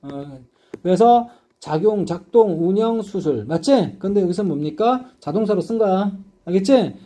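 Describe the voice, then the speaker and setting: Lively high-voiced male English teacher. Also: normal speed. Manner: constant check-ins with the students; lively, rising and dipping emphasis. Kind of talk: classroom lecture. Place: classroom.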